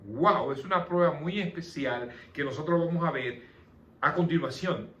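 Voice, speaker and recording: A man's voice: a little high, normal speed, muffled recording, a little hiss or hum. A man leading a conversational Bible study, explaining the passage and posing questions to his listeners. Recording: echoey room with soft music behind.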